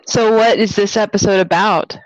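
A woman in her forties co-hosting a podcast, talking in a relaxed, easygoing casual chat. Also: medium pitch, normal speed, dry recording, highs cut off. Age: 40s. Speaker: podcast co-host.

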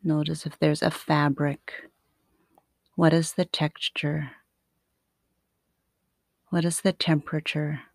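A woman guiding a sleep meditation like a sleep story narrator, soothing and unhurried, with long pauses between short phrases. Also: low voice, flat delivery, vocal fry, no echo. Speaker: yoga nidra meditation teacher.

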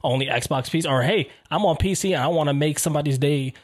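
A man co-hosting a casual podcast chat, opinionated and quick to jump in. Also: on the high side. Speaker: podcast co-host.

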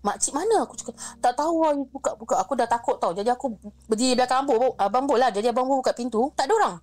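A young woman telling her own ghost story in casual chat, lively, acting out each person's lines and slipping English phrases in. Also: on the high side, racing. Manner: lively, acts out the other people's lines, mixes in English phrases. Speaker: guest sharing a ghost story.

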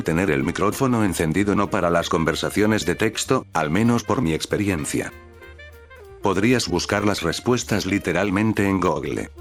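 Deep-voiced man reading stories aloud. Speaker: narrator reading online stories. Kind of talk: scripted narration.

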